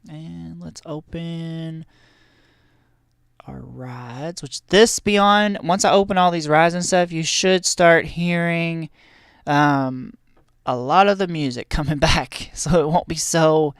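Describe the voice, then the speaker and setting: A man's voice: a little high, slow, gravelly, a bit bright, smooth, dry recording. A man streaming a park-building game, talking casually through a headset at home with lots of fillers and restarts. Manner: rambling, chatty, many fillers and restarts. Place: home room with a heater.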